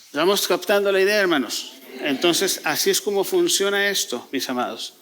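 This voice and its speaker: Male pastor from Mexico, church sermon, reads scripture aloud, asks the congregation questions, slightly high voice. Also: animated, normal speed, fairly bright tone. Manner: preaching, asks the congregation questions and answers them.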